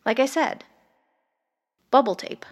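Narrating a horror audio drama, a woman with a high-sitting voice portrays an ER doctor who is detached and morbidly curious, delivering lines in a measured, wry, clinical manner.

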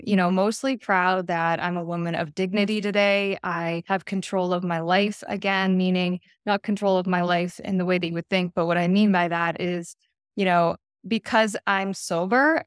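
In short, plain sentences, a thirty-something woman reflects earnestly on her recovery during a candid podcast appearance. She has a fairly low, clear and resonant voice, captured dry at studio quality.

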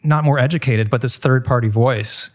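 A man's voice: mid-range voice, moderate pace. A man speaking as a museum tour guide guest in a podcast conversation, casual and reflective.

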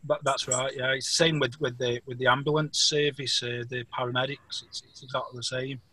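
A man's voice: mid-range voice, level tone, fairly quick, bright, forceful tone, slightly rough, dry recording, rough recording. A middle-aged man with a Stoke-on-Trent Potteries accent, talking casually and hesitantly as an interview guest, often restarting his words. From Stoke-on-Trent, England. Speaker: podcast guest, police officer. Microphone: remote call.

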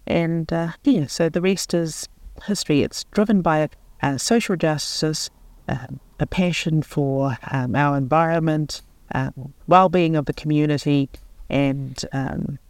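A New woman around sixty, a local board chair, speaking in a radio interview in an earnest, unhurried way and pausing to find her words. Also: low-pitched, a little mellow, no room sound. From New Zealand.

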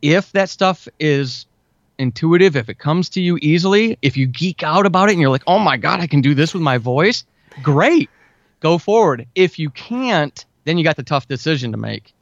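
This slightly high male voice has lively intonation and a normal speaking speed. He's a writer and audio drama podcaster appearing as a guest, offering informal, conversational advice step by step in a relaxed interview, captured in a dull, lo-fi, dry close recording.

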